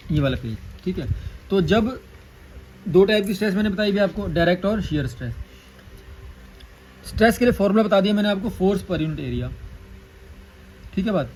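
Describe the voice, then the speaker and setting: A man teaching an engineering lecture, repeating key terms and dictating formulas slowly. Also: high-pitched, a little mellow, slight background noise, poor audio.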